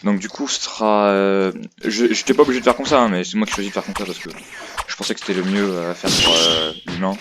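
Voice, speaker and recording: A man with a fairly low voice gives casual let's play commentary. He rambles and hesitates, working out his thoughts as he goes. The headset mic is clearly noisy, with clicks coming through. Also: fairly even intonation, fast. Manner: rambling, hesitant, thinking aloud. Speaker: gaming video host. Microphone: headset microphone. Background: clear noise and clicking.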